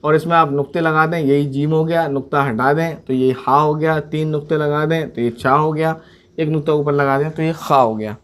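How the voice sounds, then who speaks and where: A man from India teaching a step-by-step Urdu writing lesson. His voice sits a little high, and he spells each letter and sound out slowly and patiently. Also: fairly even intonation.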